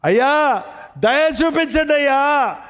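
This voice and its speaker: A man's voice: very high-pitched, lively intonation, slow pace, a bit bright, long reverb tail, pitched above the performer's own voice, full character voice. A man voicing a grieving mother who pleads with a king, tearful and begging as she repeats "sir". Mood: pleading.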